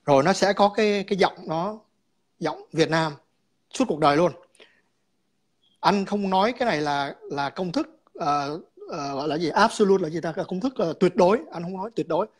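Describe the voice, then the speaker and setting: A man's voice: high voice, moderate pace. A man calling in to a chat, explaining his views in a rambling way, repeating words and slipping in English terms.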